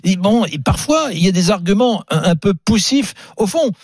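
A man's voice: high-pitched, lively intonation, normal speed, darkish tone, no room sound, clean studio sound. A male radio talk show host from the South of France, chatting casually with many fillers and restarts. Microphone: studio microphone.

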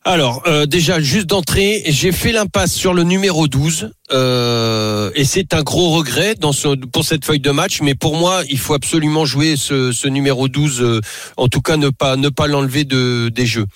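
A man's voice: fairly high pitch, moderate pace, dry recording. Hesitant male radio tipster, dry studio. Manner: hesitant, many fillers and restarts. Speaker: racing tipster. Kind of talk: casual radio talk.

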